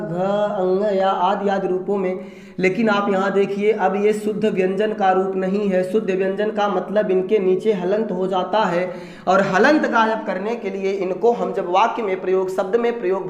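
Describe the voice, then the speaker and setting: High-voiced man teaching in an echoey room. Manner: asks the class questions and answers them himself, repeating key terms; addresses listeners as "bandhu" and "bhaiya". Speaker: Hindi teacher. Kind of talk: exam-prep grammar lecture. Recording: roomy echo with mains hum.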